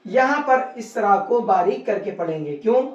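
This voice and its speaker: A patient Quran teacher walks through recitation rules slowly, sounding out each letter and vowel mark before blending the whole word. The voice sits at a middling pitch and comes from a little way off the mic. The room is echoey and the recording dull. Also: lively intonation. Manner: spells out letters and vowel marks slowly, then repeats the joined word; patient, repetitive explaining with frequent rhetorical questions. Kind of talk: slow step-by-step tajweed lesson. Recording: roomy, distant and dull-sounding.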